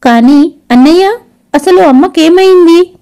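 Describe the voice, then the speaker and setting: A woman's voice: very high-pitched, measured pace, warm tone, voice pushed up. A woman doing an anxious, pleading daughter. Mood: distressed. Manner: pleading, upset. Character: young woman, anxious daughter back from abroad.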